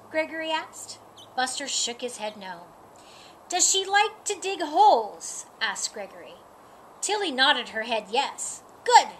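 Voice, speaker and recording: Her voice high-pitched, a middle-aged woman reads a picture book for children aloud in a sunny yard. She goes slowly and animatedly, pitching up for the animal characters. Slight background noise accompanies the recording from a camera a few feet away.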